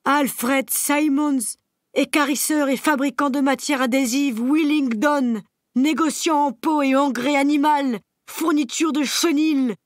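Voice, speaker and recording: Woman doing a frantic shouting old donkey. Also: fairly even intonation, measured pace, no echo, studio quality. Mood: furious. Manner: high shouted braying cries. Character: old male donkey, alarmed and furious.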